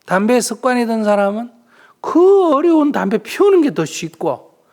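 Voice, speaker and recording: Lively monk teaching. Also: male voice, very high voice, moderate pace. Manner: lively rhetorical questions, acts out little dialogues. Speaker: Buddhist monk answering questions. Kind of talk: Buddhist dharma talk, question and answer.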